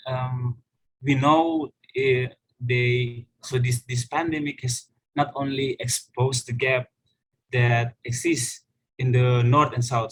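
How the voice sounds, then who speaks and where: A young student with an Indonesian accent presenting hesitantly in a casual class call, with many fillers. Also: male voice, medium pitch, a bit bright, slight background noise, rough recording. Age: young adult. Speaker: student panelist.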